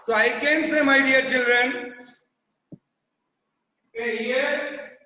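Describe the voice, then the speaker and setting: A male school teacher with an Indian accent dictating a lesson to children, slowly and repetitively, in a classroom. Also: very high-pitched, fairly even intonation, pushed and bright, highs cut off, a little hiss or hum. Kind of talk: classroom lesson, mixing Hindi and English. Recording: echoey classroom, far from mic.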